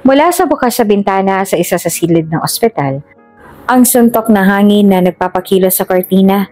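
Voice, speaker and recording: A woman narrating a scripted drama story in a steady, measured reading. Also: mid-range voice, dry recording, soft background music.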